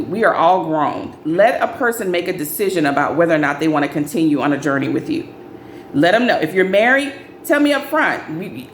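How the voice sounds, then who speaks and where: A young adult woman recounts a dating story in a relaxed vlog style, her speaking voice sitting on the low side. She jumps up high whenever she quotes someone. The sound is echoey, with a faint hum of ambience behind her. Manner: animated, acts out friends' lines in higher voices. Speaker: storyteller vlogger.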